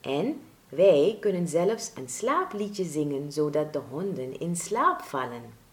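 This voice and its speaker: A woman voicing a wise male grass blade who leads the others, speaking in a low whisper in a storybook reading. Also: lively intonation, takes it slowly. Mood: explaining. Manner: whispering, lowered voice. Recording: roomy echo.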